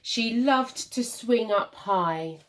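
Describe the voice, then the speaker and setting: A woman reads a picture book aloud to young children in the manner of a primary school teacher, full of expression, deliberate dramatic pauses and emphasis. Her voice sits a little high and sounds animated, though the audio quality is poor.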